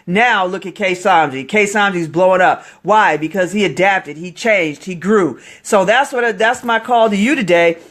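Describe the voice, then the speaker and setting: A man giving a motivational live stream as an online marketing coach, getting excitable and preachy while greeting viewers as they join. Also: high voice, normal speed, hardly any pauses.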